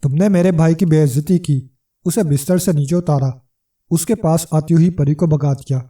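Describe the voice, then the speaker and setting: A man's voice: fairly high pitch, warm tone, distant mic, close to an everyday voice. A man voicing a huge, domineering wife who snarls and bosses her husband, in a storybook reading. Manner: bossy and snarling.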